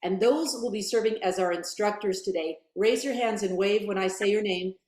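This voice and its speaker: A woman in her thirties moderating a virtual cooking class on a video call, upbeat and friendly, from a bright home kitchen. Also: mid-range voice, normal speed, roomy sound.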